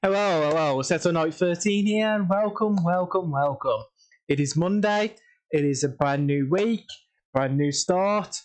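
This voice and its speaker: A young man chats casually to his stream viewers in a slightly high voice. He sounds tired and rambles, full of ums, restarts and the same few phrases again and again. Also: unhurried. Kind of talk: casual livestream chat.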